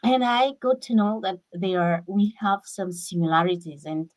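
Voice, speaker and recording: A woman from Kenya, talking as a guest in a casual conversation over a video call. She speaks haltingly and restarts her sentences often. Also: medium pitch, poor audio. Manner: halting, with many repeated restarts.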